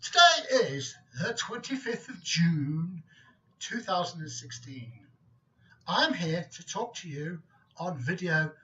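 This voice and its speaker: A man presenting art for sale with slow, deliberate delivery and groan-worthy jokes. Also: fairly high pitch, very animated, bright, forceful tone, far from the mic, highs cut off. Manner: slow, deliberate, pun-telling. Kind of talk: joke-filled video presentation.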